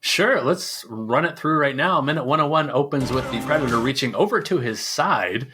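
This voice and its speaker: A man's voice: medium pitch, expressive, normal speed, sharp tone, faint music behind. A man hosting a film podcast, chatting casually and playfully, often stumbling and restarting lines. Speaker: podcast host. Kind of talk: casual chat.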